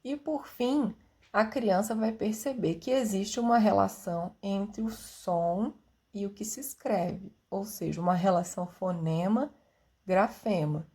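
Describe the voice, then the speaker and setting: A woman explaining literacy theory as a teacher, in a clear, didactic way, sounding out syllables and acting out a child's thinking. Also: mid-range voice, measured pace, a little mellow. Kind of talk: explanatory lesson narration.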